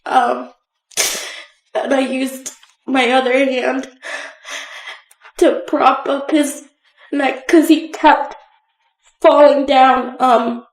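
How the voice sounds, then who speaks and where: A shaky, nervous woman giving halting, emotional courtroom testimony as a witness, close to tears. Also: high-pitched, flat delivery. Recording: echoey courtroom sound.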